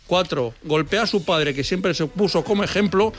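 A man's voice: high voice, normal speed, a bit bright. A man hosting a radio quiz segment, reading out true-or-false news items in a playful, self-mocking way. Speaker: quiz host.

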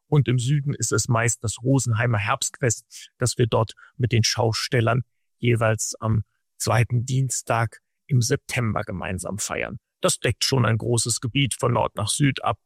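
Gravelly-voiced man explaining his ministry. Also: medium pitch, steady tone, dry recording, studio quality. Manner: measured, explanatory, long sentences. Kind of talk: radio interview answers.

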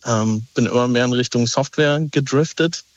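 A man's voice: mid-range voice, normal speed, no echo. A man from Berlin in his thirties, calling in to a radio show and explaining himself hesitantly, full of fillers and restarts. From Berlin, Germany. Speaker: caller. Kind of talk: casual phone-in chat. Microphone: telephone. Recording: dull lo-fi phone line.

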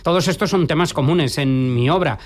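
A man interpreting the guest's answers in a steady, measured voice-over. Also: fairly high pitch.

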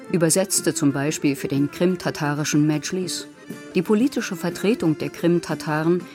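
A low-pitched woman reads scripted documentary news narration in a measured, matter-of-fact way, recorded as a studio voice-over.

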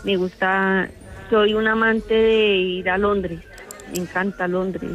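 A woman's voice: mid-range voice, little pitch movement, takes it slowly, dull audio. Brief: chatty woman caller, faint music behind. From Colombia. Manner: warm, talkative storytelling. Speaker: radio caller.

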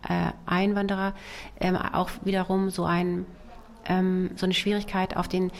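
In a literary interview, a woman novelist raised in Germany by Soviet immigrants, Russian being her first language, answers with care, pausing often and using many fillers and restarts. Her voice is gravelly and on the low side, and her tone stays level.

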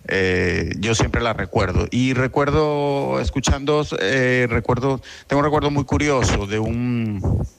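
A man's voice: mid-range voice, unhurried, vocal fry, few pauses. A man from Venezuela leaving a hesitant voice message for a radio show, with fillers and restarts. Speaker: listener sending a voice message. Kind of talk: recorded voice message.

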